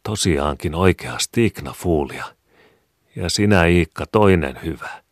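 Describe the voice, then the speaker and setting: Stern country mother in a storybook, scolding, dry teasing edge, deep voice, close dry sound, put on by a man. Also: gravelly, a bit bright, dry recording, full character voice. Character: stern but amused mother of a farm family.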